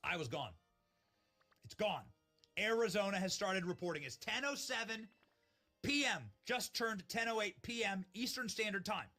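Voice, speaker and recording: A man hosting a live stream from a studio, his voice high and swooping wildly as he shouts over each new result. His tone is bright and sharp, and faint music plays behind him. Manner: loud, gleeful, shouting at the map. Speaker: live election-night stream host. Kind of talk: excited live commentary.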